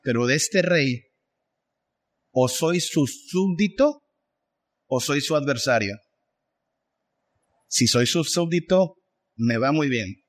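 Slow, emphatic preacher man. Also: mid-range voice, lively intonation. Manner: emphatic, rhetorical questions, acts out voices of others. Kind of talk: sermon.

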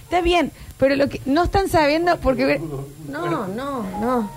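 An Argentine woman on a radio comedy panel, teasing and quick to interrupt. Her voice sits high and moves around a lot. Soft music plays faintly behind her. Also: animated. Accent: Argentine Spanish. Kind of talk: casual comedic chat.

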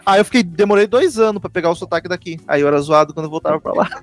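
A man's voice: high voice, very fast. A man, telling stories and joking in a casual group chat. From southern Brazil. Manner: joking, storytelling. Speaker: podcast participant.

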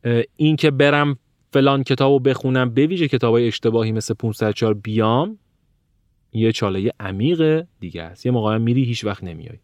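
A man teaching a language-learning course, speaking lively and emphatically. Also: mid-range voice, dry recording, studio quality. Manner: animated, lively, with emphatic rising pushes. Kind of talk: spoken online course lesson.

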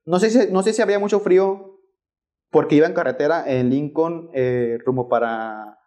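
A young man tells a story in casual podcast chat, animated and full of slang. His voice sits a touch high for a man. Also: moderate pace, lo-fi sound. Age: young adult. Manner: slangy, animated, says "güey" often. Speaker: rideshare driver guest.

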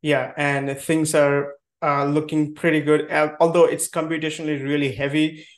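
A podcast host conducts a conversational interview, his fairly high voice level in tone and moving at a normal speed. He leans heavily on hesitant "uh" fillers, and the room he's in sounds echoey.

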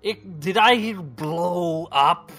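A man playing a tabletop game in character, excitable and wide-eyed. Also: high voice, slow pace, soft background music. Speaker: player. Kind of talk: tabletop role-play in character.

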